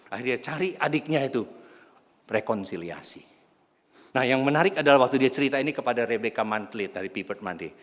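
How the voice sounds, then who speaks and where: A man preaching a sermon, telling a story animatedly and addressing the congregation directly. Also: low voice. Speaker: pastor. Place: church. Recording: reverberant church hall.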